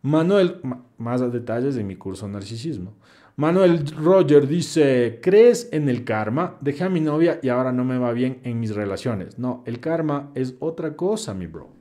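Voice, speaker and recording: A man's voice: mid-range voice, animated, moderate pace, dark tone. Blunt, preachy man streaming live. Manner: blunt, preachy, slangy, addresses viewers as bro. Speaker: livestream host answering viewer questions. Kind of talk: live Q&A, reading chat comments aloud.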